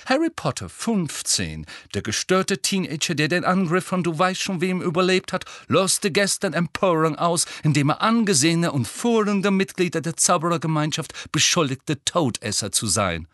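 A man's voice: mid-range voice, big pitch swings, slow, fairly bright tone, no echo, clean studio sound. A man voicing a pushy, scheming middle-aged woman reporter, gushing and prying in a storybook reading. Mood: gloating. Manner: gushing, prying, dramatic emphasis.

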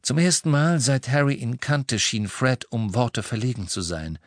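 A man narrating an audiobook in a calm, measured way. His mid-pitched voice is recorded close and dry. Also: dry recording. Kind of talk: scripted narration.

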